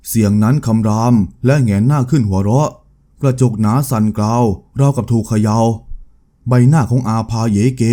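Man reading a novel, very dark voice. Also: mid-range voice. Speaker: storyteller. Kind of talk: scripted novel narration.

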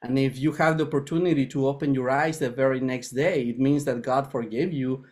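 A man's voice: medium pitch, steady tone, fairly quick, darkish tone. Man telling loose, laughing stories. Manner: loose, laughing, rambling anecdotes. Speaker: guest, spiritual mentor. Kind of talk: casual storytelling in an interview. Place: home room with a poster on the wall. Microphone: large studio condenser mic with pop filter.

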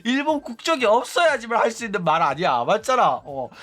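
High, lively male storyteller. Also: fairly quick. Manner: chatty, laughs often, retells quotes animatedly. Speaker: VTuber news channel host. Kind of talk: casual storytelling commentary.

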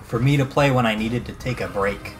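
A man's voice: mid-range voice, fairly quick, faint music behind. A man co-hosting a let's play, chatting earnestly about the games he loves, with dry quips. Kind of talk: casual gaming commentary.

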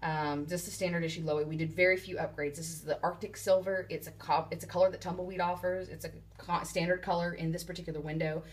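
A woman's voice: lowish voice, fairly even intonation, quick pace, hardly any pauses. A woman giving a rambling, casual walkthrough, full of ums and asides, filmed on a handheld phone inside an unfinished wooden shed. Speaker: vlogger building a tiny house.

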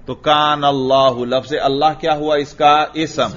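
A man's voice: a little high, flat delivery, a little slow, a bit bright, dull audio. A man from Pakistan with a Pakistani Urdu accent, teaching a grammar lesson to a class. He drills students with repeated questions and chants Arabic examples. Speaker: religious teacher.

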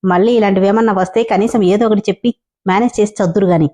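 A woman's voice: mid-range voice, fairly even intonation, fast talker, warm tone, close to an everyday voice. Woman voicing a fretful young groom. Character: young bridegroom, shy and fretful.

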